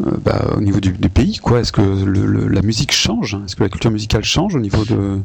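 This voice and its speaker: Gravelly low-voiced interviewer, a man. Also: brisk, no room sound. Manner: relaxed, hesitant, lots of fillers. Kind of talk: casual interview chat.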